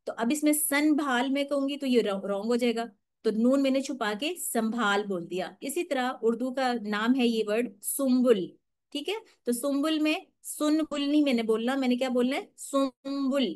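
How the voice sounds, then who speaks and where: A woman gives an online tajweed lesson, likely over a video call. She explains each rule patiently, step by step, and slows right down to model drawn-out recitation. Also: high-pitched, darkish tone. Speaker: Quran recitation teacher.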